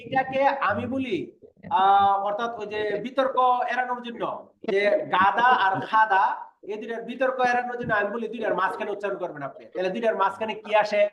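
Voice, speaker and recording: High-voiced man teaching, echoey. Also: a crowd in the background. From Bangladesh. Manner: patient, repeats words slowly for students. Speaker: Korean language teacher. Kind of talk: online class lecture. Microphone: online class call audio. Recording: echoey, muffled, noisy online class audio.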